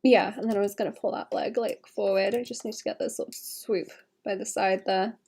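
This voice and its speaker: At a brisk pace and steady tone, a young female digital artist with a medium-pitched, husky, cough-roughened voice narrates her commission sketch on stream. She rambles casually, correcting herself, saying "like" a lot and laughing softly while fighting back a cough.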